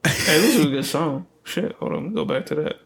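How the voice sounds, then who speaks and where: A man's voice: a little high, animated, brisk, vocal fry. Blunt, profane man in casual podcast chat. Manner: blunt, profane, dismissive opinions. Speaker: podcast co-host.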